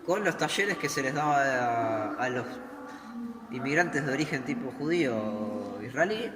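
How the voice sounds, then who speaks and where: A medium-pitched, animated man speaks at a measured pace with an Argentine accent while guiding a museum tour. He explains along the way, raising questions and answering them himself. The hall is echoey and the background noise is loud.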